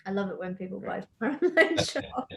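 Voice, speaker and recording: A woman's voice: mid-range voice, lively intonation, a little fast, gravelly, a crowd in the background. Woman guest, business founder, chatty and enthusiastic, mid-range voice. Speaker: guest, kombucha brand founder. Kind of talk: casual podcast chat.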